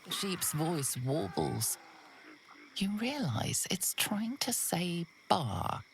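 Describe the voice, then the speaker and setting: A woman voicing an ominous female narrator of a dark fantasy game, speaking in a low, hushed, creaky near-whisper. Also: animated, unhurried, full character voice. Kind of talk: scripted narration. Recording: game audio with noise.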